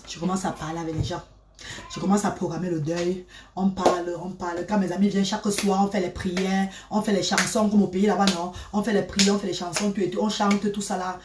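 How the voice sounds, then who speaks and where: A woman telling a personal story in a dramatic, repetitive way that swings between loud and hushed. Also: on the low side, flat delivery, fairly quick, background noise. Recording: roomy, from a distance.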